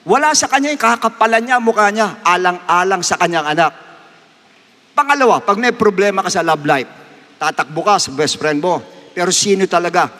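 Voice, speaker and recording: A man's voice: animated, brisk, pushed and bright. A man, a pastor, preaching a sermon with emotion, pushing his voice up for emphasis. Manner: emotional, rising to emphatic high pitch. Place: church worship service. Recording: long echo of a church hall.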